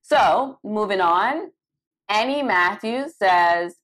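A young adult woman from Cameroon coaching doctors for residency interviews in a live Q&A, animated and emphatic, repeating points for stress. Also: medium pitch, slow. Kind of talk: live Q&A session.

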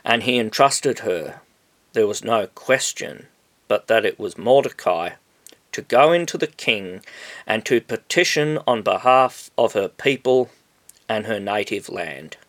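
A man reading scripture aloud in a measured, solemn way. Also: on the low side, animated, a bit bright.

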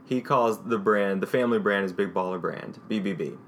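Young guy rambling about basketball, low-ish voice, faint hiss behind. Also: brisk, fairly bright tone. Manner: rambling, laughs often, many restarts. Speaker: podcast co-host. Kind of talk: casual sports chat.

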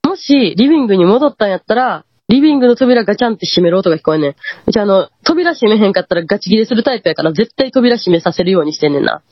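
A guest storyteller with a Kansai Japanese accent casually recounts a true ghost story, animatedly performing the quoted lines. She talks rapid-fire in a mid-range voice with a breathy edge. The audio is dull, lo-fi, and completely dry with no room sound.

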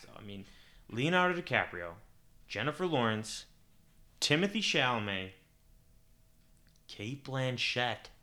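A man's voice: on the low side, bright, forceful tone. A young man hosting a podcast on his own, chatting casually and rambling, correcting himself as he thinks aloud. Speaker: podcast host. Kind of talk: casual solo podcast chat.

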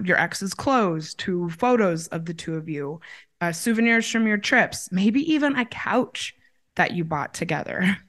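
A woman's voice: medium pitch, a bit bright. Upbeat, encouraging woman giving tidy advice. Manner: encouraging, tidy step-by-step delivery. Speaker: relationship coach and show host. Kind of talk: upbeat advice vlog, addressing listeners directly.

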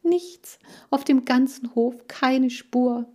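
A woman's voice: high-pitched, slow, a little mellow, pitched above the performer's own voice. Woman voicing a distressed, tearful girl. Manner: agitated, pleading, raised voice. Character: upset, tearful girl caring for farm animals.

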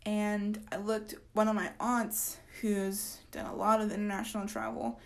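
A woman in her twenties hosting a casual solo podcast, tired and yawning, rambling with lots of fillers and soft trailing endings. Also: mid-range voice, level tone, moderate pace. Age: 20s. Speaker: podcast host.

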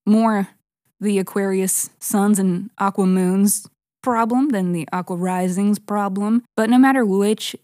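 A woman's voice: mid-range voice, steady tone, measured pace, a little mellow, no room sound. American lady doing a jokey horoscope, sweary and slangy, plays up the drama, really dry close sound. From New England, United States. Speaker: astrologer, host. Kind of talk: casual comedic scripted horoscope narration.

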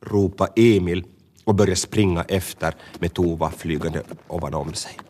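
A man narrating a children's storybook with a lively, expressive reading. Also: sits low, a little hiss or hum.

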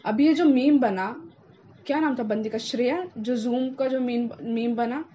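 A woman's voice: fairly high pitch, measured pace, dark tone. A young woman hosting a podcast, talking with passion and emphasis and slipping in English phrases, in a casual interview chat. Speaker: podcast host. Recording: dull lo-fi sound with faint noise.

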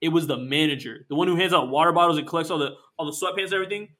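A man co-hosting a sports podcast, arguing in fast casual chat and often cutting in and repeating himself. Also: fairly high pitch, fairly bright tone. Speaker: podcast co-host.

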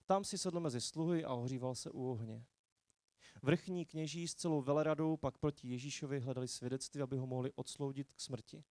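A man reading a long scripture passage aloud in a church service, measured and expressive, lifting his voice for quoted speech. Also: mid-range voice, no echo. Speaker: preacher. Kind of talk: Bible reading in a sermon. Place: church hall.

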